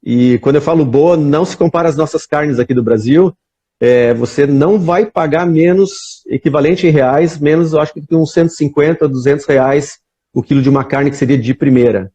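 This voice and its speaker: A man's voice: a little high, a little fast, warm tone, husky. A man with a Brazilian accent chatting on a live video call, rambling and tossing in frequent "né?" as he tells stories. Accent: Brazilian Portuguese. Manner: rambling storyteller, many restarts and "né?". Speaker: guest. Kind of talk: casual chat on a live stream.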